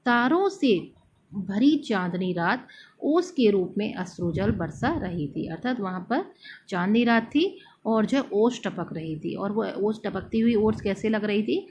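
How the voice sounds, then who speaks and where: A woman teacher reciting poem verses slowly and then explaining them line by line, often pausing with fillers. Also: mid-range voice, expressive, a little mellow. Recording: dull lo-fi recording, faint noise.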